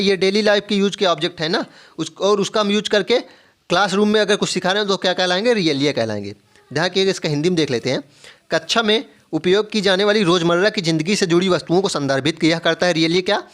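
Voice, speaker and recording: A man's voice: high voice, fairly bright tone. A young adult man with an Indian English accent teaching an exam-prep lesson, asking and answering his own questions and repeating key points. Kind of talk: explanatory lesson, mixing Hindi and English.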